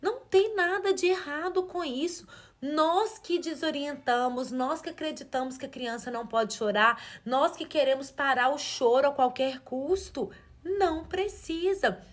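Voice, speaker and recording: A woman's voice: high voice, a little slow. A woman, giving a live parenting talk in an earnest coaching way and asking rhetorical questions. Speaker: parenting educator.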